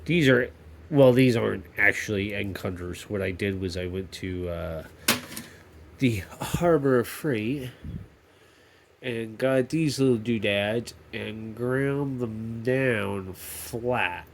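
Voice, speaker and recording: A lowish, slow voice with vocal fry belongs to a cold-stricken, stuffy-nosed YouTube maker host vlogging from his home workshop. He's rambling and playful, often breaking off mid-sentence, with slight background noise.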